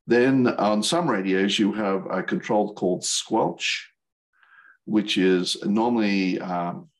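An older man, a licensed radio operator, presents an explanation over a video call webinar. His fairly low voice moves slowly. He speaks in a plain, hesitant way.

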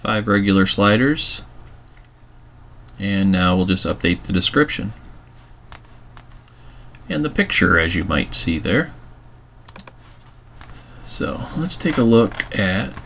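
Deep gravelly man explaining software. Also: takes it slowly, pauses often, slight background noise. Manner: calm step-by-step explaining while working. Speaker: tutorial presenter. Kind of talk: screencast software tutorial.

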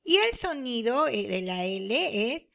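A woman from Peru teaching young children, slowly repeating each word and giving encouraging praise. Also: fairly high pitch, big pitch swings, vocal fry, fairly bright tone. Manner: slow, drawn-out word repetition with encouraging praise. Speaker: primary school teacher. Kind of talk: recorded remote lesson for young children.

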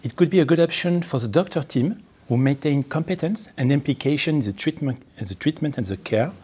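Husky-voiced man, halting panel answer. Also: medium pitch, darkish tone. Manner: halting, restarts phrases often. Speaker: panelist surgeon. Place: wood-panelled library meeting room.

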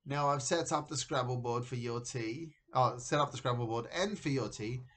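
A man's voice: medium pitch, moderate pace, a bit bright, natural voice. A man reading a storybook aloud and voicing a doting elderly grandmother who fusses over her grandson and talks to him like a baby. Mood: coaxing.

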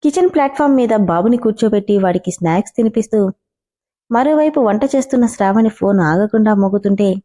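A woman storyteller reading a serialized drama aloud and speaking to her listeners as friends. Her voice is mellow and rather dark, at a middle pitch. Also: animated, quick pace.

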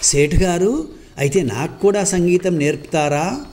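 A man's voice: high voice, expressive, measured pace, darkish tone, voice pushed up. A man voicing a humble young laborer who earnestly and respectfully pleads to learn music. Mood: earnest pleading.

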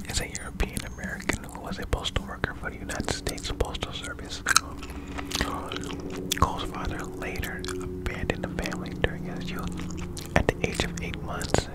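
A young man reads facts in a soft, breath-only whisper for ASMR. He is very close to the microphone in a small room and chews gum as he goes. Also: sits low, low-quality recording. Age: young adult. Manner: chewing gum while whispering; soft, unvoiced whisper throughout. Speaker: ASMR video host. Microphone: close condenser microphone with furry windscreen.

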